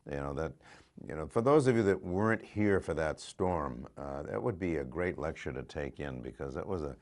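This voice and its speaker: Older man, low pitch, folksy co-host, casual conversational delivery, repeats phrases. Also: lively intonation, normal speed, darkish tone. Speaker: community show co-host. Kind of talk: casual chat.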